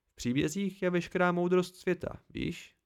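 A man's voice: high-pitched, vocal fry, clean tone. Guy doing sly mentor type, mocking, kinda mysterious, audiobook. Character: sly male storyteller teacher. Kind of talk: amateur audiobook reading.

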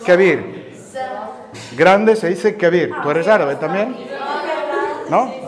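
A man with a Canarian Spanish accent and a fairly high voice talks slowly and patiently, putting questions to his audience. Behind him a lively crowd murmurs through the large room. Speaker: teacher giving a talk to students. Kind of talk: classroom talk on word origins. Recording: lively audience noise around the speaker. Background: crowd of listeners.

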